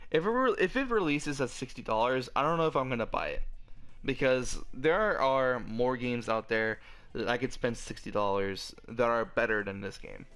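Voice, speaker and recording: A man's voice: mid-range voice, moderate pace, fairly bright tone. A man delivering a frustrated, profane rant about a video game, stumbling and restarting often, his voice cracking. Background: faint background music.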